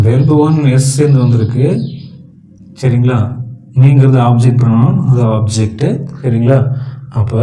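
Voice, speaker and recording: A man with a Tamil accent teaching an English grammar lesson to school students. He talks slowly, asking questions and answering them himself. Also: medium pitch, dark tone, echoey room, poor audio.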